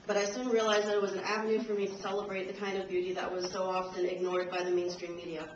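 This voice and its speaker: Fast and monotone, with a fairly low pitch, a young Trinidadian invited speaker reads prepared remarks to an audience, a touch nervous and laughing here and there. The recording is camcorder audio from the crowd in a university lecture room: distant, roomy, dull and noisy.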